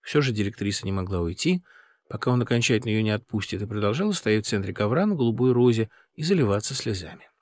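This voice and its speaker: A man narrating an audiobook with a lively, dramatic delivery. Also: lowish voice, fast talker, no echo, clean studio sound.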